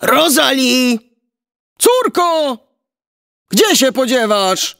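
A woman voicing a huge giant father who calls out loudly after his daughter. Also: high voice, very animated, drawn-out words, creaky, no echo, clean studio sound, voice pushed up, full character voice. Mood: calling. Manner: calling out loudly. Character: huge bellowing male giant, angry father.

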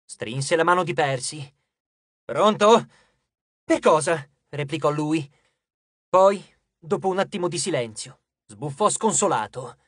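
An audiobook narrator reading a scripted fantasy chapter with animated storytelling. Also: mid-range voice, unhurried, no echo, clean studio sound.

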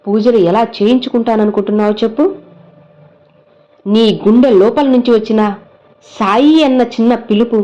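A woman speaking as a gentle, fatherly male saint who consoles a crying devotee, with tender, coaxing questions. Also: mid-range voice, lo-fi sound, natural voice. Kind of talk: devotional message spoken as the saint.

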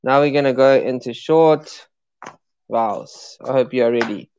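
A woman teaching English pronunciation in a live-streamed lesson, sounding out letters and words slowly and asking viewers to repeat after her. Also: extremely low pitch, darkish tone, muffled recording, a little hiss or hum. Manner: encouraging, asks viewers to repeat along.

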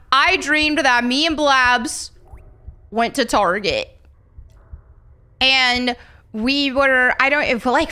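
A young woman with a high, sharp-toned voice chats casually on a live stream, laughing often while reading viewer messages aloud.

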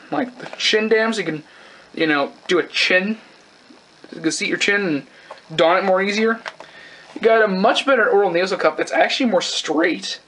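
A young man giving a casual, unscripted review as a collector, rambling and halting, with casual swearing. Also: sits high, fairly bright tone, slight background noise, rough recording. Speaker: gas mask collector and reviewer. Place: indoors, close-up tabletop video.

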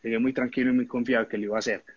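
A man, a former footballer telling animated anecdotes in a casual interview, often laughing and acting out the people he quotes. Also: mid-range voice, racing, highs cut off, crowd noise.

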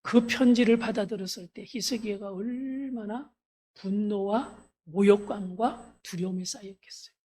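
Woman pastor, church sermon, husky breathy voice, earnest, speaks straight to the congregation. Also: mid-range voice, moderate pace, dark tone. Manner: earnest, addresses the congregation directly; leads the congregation in reading scripture aloud. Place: church service.

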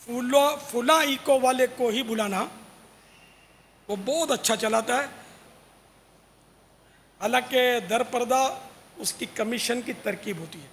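A man's voice: extremely high pitch, pauses often, a bit bright. A man, a religious scholar, explaining and admonishing in a religious question-and-answer talk at a large gathering. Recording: long hall reverb, faint noise.

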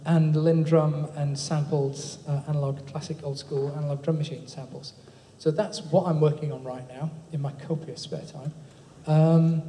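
A man's voice: fairly high pitch, warm tone. Chatty man in echoey hall. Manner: informal and chatty, with many ums and tag questions. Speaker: speaker presenting a project. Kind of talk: live tech talk. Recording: echoey hall, faint room noise.

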